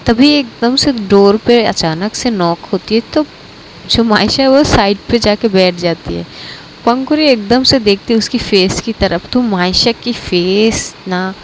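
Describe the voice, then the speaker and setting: A woman's voice: mid-range voice, a little slow, slight background noise, low-quality recording. A woman narrating a romance story aloud in a loose, casual way, with many fillers and restarts.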